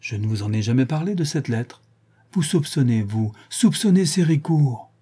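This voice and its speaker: Man doing a jealous dead husband, pleading and self-righteous, dark low-key voice. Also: animated, moderate pace, husky. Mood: insistent. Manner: insistent, nostalgic, self-righteous. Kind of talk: audiobook character reading.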